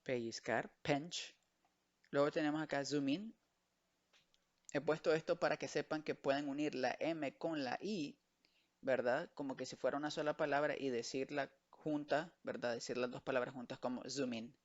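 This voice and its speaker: With a steady tone in the middle range and the highs cut off, a man leads children through English vocabulary online. He goes back and forth between Spanish and English, patiently drilling every word with slow repetition.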